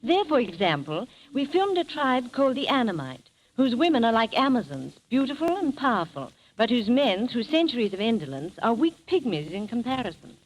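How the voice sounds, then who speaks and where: Speaking fairly quickly with few pauses, this woman has a higher-pitched, very animated voice. She is a traveller and film-maker recounting her journeys as a guest on a scripted 1930s radio interview, polished and formal, heard over faint broadcast noise.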